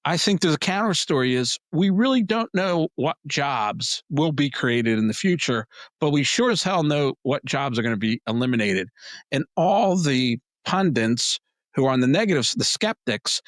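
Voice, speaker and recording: A man answering interview questions, emphatic and plain-spoken, his voice worn and going hoarse. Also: normal speed, dry recording. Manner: emphatic, plain-spoken, animated pitch jumps. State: losing his voice. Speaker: PR agency head, guest.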